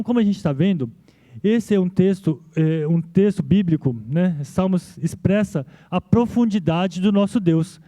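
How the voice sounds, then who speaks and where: A male pastor preaching a sermon in a relaxed, conversational way, often checking in with his listeners. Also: high-pitched, no echo. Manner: conversational, frequent "né?" tags and restarts. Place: church.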